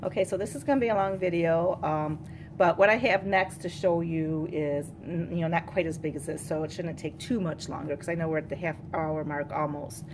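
A woman's voice: deep voice, steady tone, fairly quick, background noise. A woman talking casually in a show-and-tell vlog, rambling chattily with plenty of fillers and reading product descriptions aloud. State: out of breath. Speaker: candle collector vlogger.

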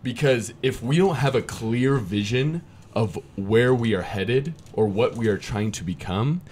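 A man in his twenties co-hosting a podcast, casual and upbeat, reading verses aloud between quick asides. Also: medium pitch, a little mellow, slight background noise. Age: 20s. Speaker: podcast co-host. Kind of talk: podcast conversation with scripture reading.

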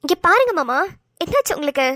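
A woman's voice: sits high, fast, no room sound. A woman voicing a chatty young wife who teases and tells stories, close and dry. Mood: teasing. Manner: chatty, teasing, animated storytelling.

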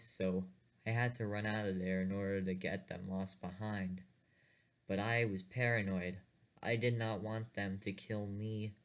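A man narrates a comedic horror spoof in a deadpan, mock-dramatic way. He talks slowly in a fairly low voice. He uses stiff, overly formal phrasing.

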